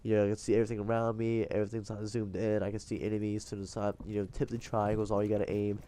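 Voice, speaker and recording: Stuffed-up man with a mellow, congested voice. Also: fairly low pitch, monotone, fast talker, no echo. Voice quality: stuffed-up, blocked-nose congested sound. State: congested, breathing through the mouth. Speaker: gaming video host. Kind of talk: casual gameplay commentary and tips. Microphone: voice-over dubbed onto game footage.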